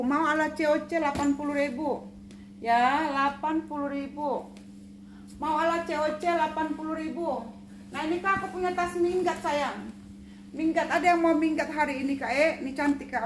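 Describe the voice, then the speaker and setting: A woman pitches used bags on a live stream in a high, bright voice. She talks on and on, repeating each price and coaxing viewers with endearments. The room is roomy and echoey, with a faint hum of noise behind her. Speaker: online seller of second-hand bags.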